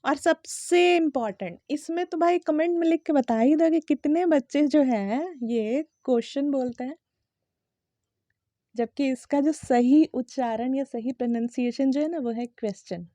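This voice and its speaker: High-voiced woman teaching pronunciation. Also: dark tone, no room sound. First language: Hindi. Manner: patient, repeats words slowly and spells them out. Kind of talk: explaining lesson to students.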